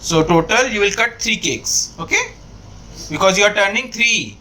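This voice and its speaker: A man's voice: high-pitched, lively intonation, very slow, pushed and bright, slight background noise. An Indian man filming a family birthday at home, coaxing and teasing a toddler in a playful, repetitive way. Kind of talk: casual family home video.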